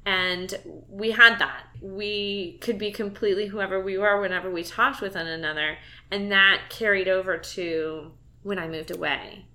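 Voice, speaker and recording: A woman's voice: medium pitch, steady tone, moderate pace, hardly any pauses, bright, forceful tone. A woman hosting a podcast conversation, speaking earnestly and reflectively with a friend. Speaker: podcast host. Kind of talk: casual heartfelt conversation.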